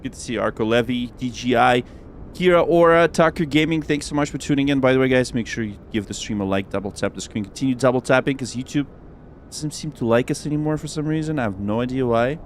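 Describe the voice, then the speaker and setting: This young man talks fast in a medium pitch, with slight background noise, as he streams a flight simulator. His commentary for viewers is casual and cheerful, full of rambling fillers and self-talk while he works.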